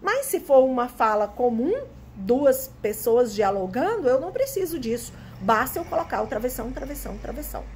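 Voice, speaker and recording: A woman's voice: sits high, big pitch swings, moderate pace, a little mellow, a little hiss or hum. A woman teacher explaining a lesson, reading passages aloud and asking the class rhetorical questions. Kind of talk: online Portuguese lesson.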